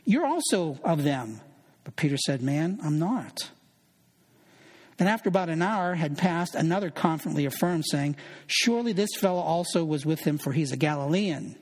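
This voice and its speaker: A man's voice: fairly high pitch, darkish tone, slightly rough. Preaching man in a reverberant space. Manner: earnest preaching, reads scripture aloud with quoted voices. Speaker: pastor. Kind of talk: sermon.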